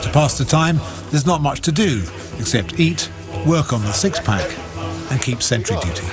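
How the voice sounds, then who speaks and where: A man's voice: mid-range voice, lively intonation, moderate pace. A man reading dramatic, scripted documentary narration in grave, emphatic short phrases. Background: music.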